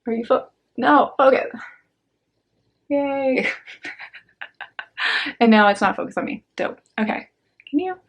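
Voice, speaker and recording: A young woman casually chatting about a book haul on her vlog, slangy and upbeat, with quick asides. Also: sits high, gravelly. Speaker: book vlogger.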